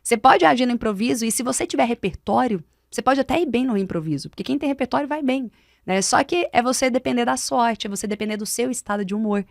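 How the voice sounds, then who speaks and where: Brazilian woman mentor teaching on a podcast, animated and firm, bit of vocal fry, dry close mic. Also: a little high, quick pace, dry recording. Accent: Brazilian Portuguese. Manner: didactic, emphatic, animated explaining. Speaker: guest speaker and mentor. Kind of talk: podcast conversation. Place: podcast studio.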